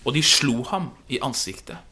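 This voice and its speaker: A man reading scripture aloud as a dramatic narration. His tone is bright and forward, and the delivery measured and expressive. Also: mid-range voice, breathy edge. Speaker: scripture reader.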